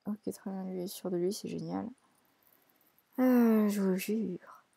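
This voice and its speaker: A woman's voice: mid-range voice, fairly even intonation, slow pace, vocal fry, warm tone, breathy edge, dry recording. Chatty young woman commenting on a game. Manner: chatty, teasing, many hesitations. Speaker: let's play host. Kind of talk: casual gameplay commentary.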